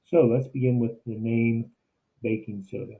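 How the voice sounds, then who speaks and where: A man's voice: mid-range voice, fairly even intonation, moderate pace, creaky. Man narrating a demo, phone-like sound. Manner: explanatory, step-by-step. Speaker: teacher giving a software demo. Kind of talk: instructional screencast narration, semi-scripted. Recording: muffled, narrow phone-like sound.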